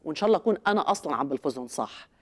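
Low-voiced Lebanese woman in a sarcastic comedy rant. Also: animated, very fast. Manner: sarcastic escalating comedy rant with mock outrage. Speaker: satirical TV show host. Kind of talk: scripted satirical comedy monologue. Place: TV studio.

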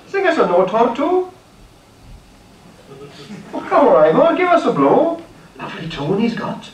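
A man voicing a gentle, dreamy male railway engine driver in an animated film, mild and earnest with stammering starts. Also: extremely high pitch, a little slow, heavily acted. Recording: echoey, distant hall playback with hiss.

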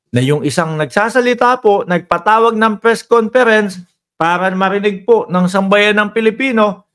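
A man's voice: on the high side, fairly bright tone. A man doing casual political commentary, reading viewer comments in a mocking, teasing way and firing off rhetorical questions.

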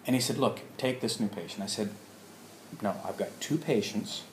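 In an echoey room with background noise, a low-voiced man shares a personal anecdote with listeners. He's a storyteller and alternative health practitioner whose halting delivery includes acting out dialogue he remembers.

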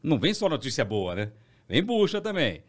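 Lively Brazilian man telling stories. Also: medium pitch, moderate pace. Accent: Brazilian Portuguese. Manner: animated anecdotal storytelling, acts out voices of others. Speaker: TV presenter guest. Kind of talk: casual podcast chat.

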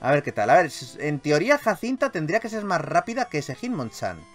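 With faint game music behind him, a Spanish gameplay host delivers brisk, dramatic, profane commentary in a fairly high, very animated voice. He repeats his phrases often.

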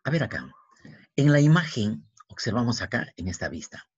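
Husky man teaching vowels slowly. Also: mid-range voice, very animated, no room sound. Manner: slow, spells letters one by one, repeats words. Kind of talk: classroom language lesson. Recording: dull, dry, lo-fi recording.

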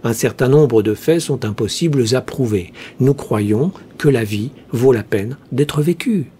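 A man voicing a cheerfully cunning male heretic priest, speaking slowly in a smooth, almost chanting way. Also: medium pitch, animated, warm tone, slight background noise, close to an everyday voice. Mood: sly. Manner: slow, smooth, chanting delivery.

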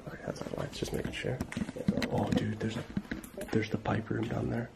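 A young urban explorer with a gravelly voice films a video inside an abandoned school at night, keeping his chat casual and hushed. His pitch is fairly low and his tone level at a normal speed, and he sounds cautious, wary and questioning. The handheld camera mic picks up noisy audio with clicks.

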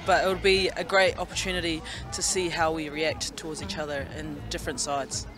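A young female rugby player from Fiji answers thoughtfully in a casual outdoor interview, speaking into a handheld reporter mic. Her voice sits low, with a level tone and a brisk pace, and music plays underneath.

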